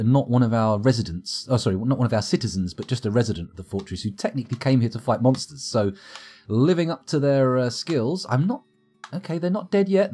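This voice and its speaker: Chatting wryly through a strategy game, a man speaks into a livestream mic at his desk, his pitch rising and falling in a lively way. His voice is husky with a slightly breathy edge, and a soft guitar plays faintly in the background. It's casual livestream commentary, chatty, with game reports read aloud.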